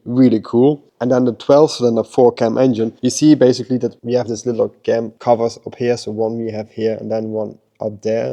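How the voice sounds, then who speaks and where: Male workshop host, relaxed dark voice, keen and chatty on camera. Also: medium pitch, gravelly. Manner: enthusiastic, repeats "beautiful" and "amazing". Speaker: car detailing workshop host. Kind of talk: casual walkthrough vlog. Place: car workshop.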